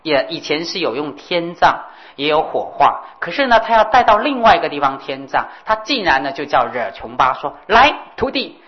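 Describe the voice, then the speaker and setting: Low-voiced woman telling a lively tale. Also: moderate pace, few pauses, highs cut off. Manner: lively, with sound effects and exclamations. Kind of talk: animated storytelling.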